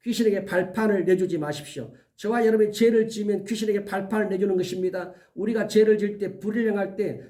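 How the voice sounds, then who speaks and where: A man with a high, mellow voice preaches an earnest sermon as a pastor, pressing his warnings and slowing down to list items one by one. He sounds set back from the microphone. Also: far from the mic.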